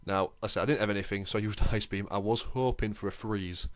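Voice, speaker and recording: Low-voiced man, chatty game commentary. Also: fast talker, no room sound. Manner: chatty, self-deprecating, lightly excitable. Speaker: gaming channel host. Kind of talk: casual game commentary voice-over.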